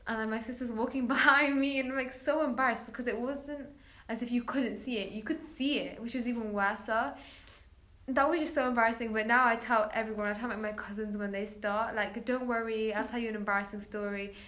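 A chatty woman with a fairly high voice tells a personal story as a guest. She talks casually, full of "like" fillers, and voices the people she quotes. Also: steady tone, brisk, a bit bright.

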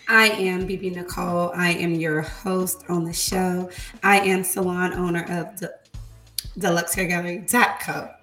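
Woman host, hoarse and nearly voiceless, slangy casual chat, roomy sound with music behind. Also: on the low side, fairly bright tone. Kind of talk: casual co-hosted chat show.

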